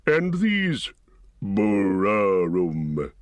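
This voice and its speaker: In a storybook recording, a man reads the part of an ancient giant tree-shepherd, speaking very slowly with a lively pitch that rises and falls. The character hums and muses between thoughts, never rushing, in a full character voice. The dry, close recording keeps every rumble near.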